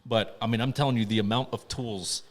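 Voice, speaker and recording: A man in a casual podcast chat, animated and teasing, often laughing. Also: mid-range voice, brisk, big-room sound.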